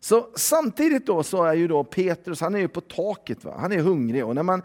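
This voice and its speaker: Male preacher, chatty sermon, lively up-and-down delivery, slightly high voice, long hall reverb. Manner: conversational, frequent fillers and tag questions.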